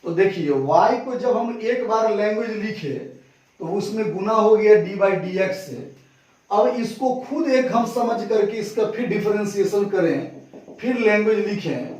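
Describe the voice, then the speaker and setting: A man's voice: high-pitched, a little slow, a little mellow. A maths teacher with a Bihari Hindi accent, lecturing a class at the board and asking questions that he answers himself. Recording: echoey classroom from far off.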